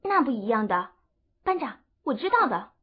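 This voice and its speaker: Teen girl, giggly and sweet, man in falsetto, audiobook, breathy, lo-fi. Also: very animated, moderate pace, heavily acted. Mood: earnest. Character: cheerful teenage girl fighter, playful. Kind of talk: audiobook character voice.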